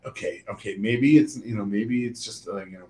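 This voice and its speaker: A man co-hosting a podcast in casual banter, animated and sometimes jumping into high-pitched impressions. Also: fairly quick. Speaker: podcast co-host. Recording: echoey room.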